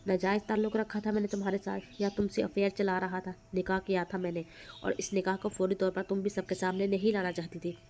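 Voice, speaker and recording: A woman's voice: medium pitch, little pitch movement, fast, a little mellow, a little hiss or hum, lightly acted. A woman reading an angry stern husband. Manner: bitter, reproachful.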